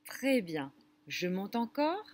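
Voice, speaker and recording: A woman leading a children's music lesson, speaking gently and didactically straight to the kids. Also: medium pitch, very animated, no room sound. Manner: gentle, slow and didactic, addressing children directly. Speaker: music teacher for young children.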